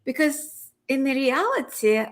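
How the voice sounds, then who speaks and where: Slow, reflective woman with a higher voice. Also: sing-song. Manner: slow, reflective, spiritual musing. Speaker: co-host. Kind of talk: casual conversation.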